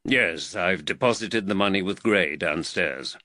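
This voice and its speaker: Reading an audiobook, a man gives a calm, dry-witted male detective a plain, measured voice not far from his own. His voice is low and the recording has no echo.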